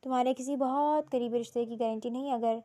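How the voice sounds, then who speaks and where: A woman narrator voicing a domineering young man who speaks softly, mocks and threatens. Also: fairly high pitch, natural voice. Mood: menacing. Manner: calm, mocking, then roaring.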